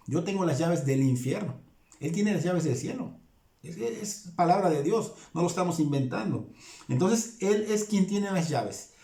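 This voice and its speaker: A man's voice: fairly high pitch, mellow, roomy sound. A man with a Mexican Spanish accent preaching a sermon in a church, impassioned and repeating phrases for emphasis. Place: church hall.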